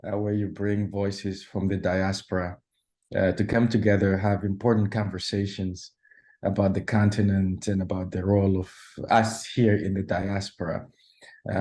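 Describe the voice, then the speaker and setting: A man from Sudan, a journalist answering interview questions in a measured way, often pausing and restarting. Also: sits low, dark tone. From South Sudan / Sudan. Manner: measured, with frequent hesitations and restarts. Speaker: journalist guest.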